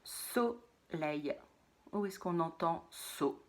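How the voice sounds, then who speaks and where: A woman teaching a phonics lesson to young children, saying words slowly and repeating them, sometimes in a whisper. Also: fairly low pitch, animated.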